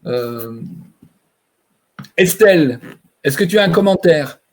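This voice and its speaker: A man's voice: fairly high pitch, expressive, takes it slowly. A man presenting an online training webinar, talking over a computer mic and explaining by asking himself questions. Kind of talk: live online training talk.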